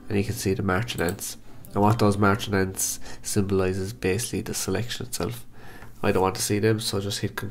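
A man with a blocked-up, nasal voice from hay fever, calmly talking through a software photo-editing tutorial step by step. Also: on the low side, gravelly. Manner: calm step-by-step instructions. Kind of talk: screen-recorded software tutorial.

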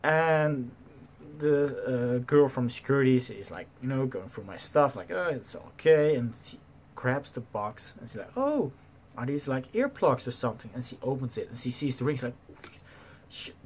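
A young man in his twenties casually telling a story to his camera, animated and swearing freely, acting out the people in it, recorded in a small bedroom on a desk webcam. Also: mid-range voice, normal speed, breathy edge. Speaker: vlogger. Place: small bedroom with slanted ceiling, indoors.

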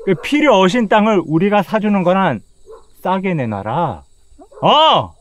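A man's voice: sits high, big pitch swings, a little slow. An actor playing a blunt, suspicious middle-aged village man with a Jeju accent, confrontational and exclamatory, in a web drama. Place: outdoors in a grassy field.

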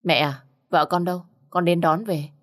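A woman's voice: on the low side, steady tone, normal speed, close to an everyday voice. A woman reader voicing an angry, jealous young husband who speaks in harsh, accusing bursts. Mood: insistent.

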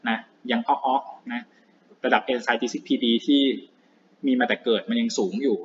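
A man's voice: medium pitch, a little slow. Man giving a loose, chatty lecture. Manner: relaxed, chatty, with many filler particles and restarts. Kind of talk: casual medical lecture. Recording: dull lo-fi lecture recording with faint noise.

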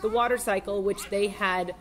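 A woman's voice: medium pitch, fairly even intonation, moderate pace. A woman narrating a voice-over in a plain way, with an occasional "um" or "uh". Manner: plain, a few "um" and "uh" slips.

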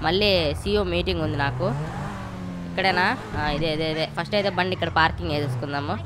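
A woman's voice: low-pitched, quick pace, noisy background. A young woman giving casual, rowdy, playful gameplay commentary and swearing freely. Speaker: gaming channel host.

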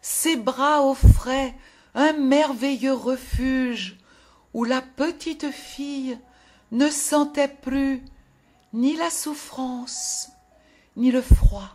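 A woman narrating a fairy tale in a gentle, expressive storytelling voice that drops to a hush at sad moments. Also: high voice, very slow. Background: faint music.

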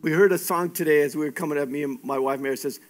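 A man's voice: a little high, racing, soft background music. A man preaching a sermon as pastor, emphatic and exhorting, often repeating his phrases.

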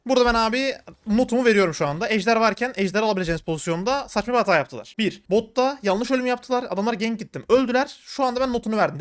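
A male gaming streamer with a high voice delivers very fast play-by-play commentary during live gameplay. He's rapid, excitable, and slangy, talking to his viewers.

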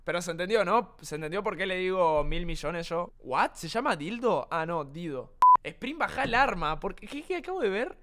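High-voiced Argentine streamer joking with chat. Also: male voice, normal speed. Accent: Argentine Spanish. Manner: animated, joking, exclaiming at chat.

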